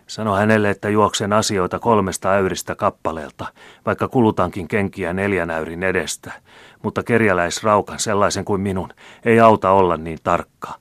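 A man's voice: low-pitched, fairly bright tone, no echo, voice pushed up. A man reading aloud and voicing a greedy old male miser who pleads and whines in self-pity. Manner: wheedling, self-pitying pleading.

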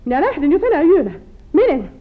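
A woman's voice: extremely high pitch, sing-song. An actress playing a distraught, jealous farm wife who accuses her husband and breaks into tears, in a 1940s film drama. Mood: bitter. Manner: tearful, accusing, fragile. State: crying. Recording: tinny old 1940s film soundtrack.

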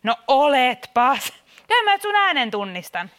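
A woman plays an exasperated young radio quiz host with chirpy presenter patter. Her voice sits high and clear, with lively swings in pitch. It is a radio comedy sketch. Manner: bright presenter patter, scolding.

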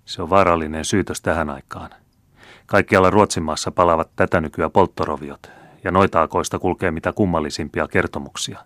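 A man's voice: low voice, fairly even intonation, a bit bright, dry recording, studio quality. A man reading the lines of a remorseful noble count in an audiobook, in an earnest, heartfelt way. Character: noble middle-aged male count, remorseful.

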